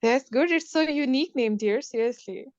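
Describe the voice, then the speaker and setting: Reassuring Pakistani-accented woman teacher, higher-pitched voice. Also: moderate pace, darkish tone, no echo, muffled recording. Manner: repetitive, reassuring, calls student dear. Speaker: English teacher. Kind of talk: informal online lesson, encouraging talk. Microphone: online call.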